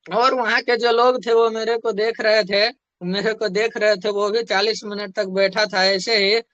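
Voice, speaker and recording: A man's voice: high voice, fairly even intonation, normal speed, bright, forceful tone, no room sound, muffled recording. A young man telling a motivational story from his sales work in a chatty way, repeating phrases for emphasis. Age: young adult. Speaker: network marketing distributor.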